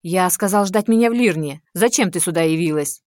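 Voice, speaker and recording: A woman reading an audiobook, voicing a cold, predatory male demon who talks in a smooth, coaxing, mocking way. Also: on the low side, fairly quick, a little mellow, no echo, studio quality, close to an everyday voice. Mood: angry.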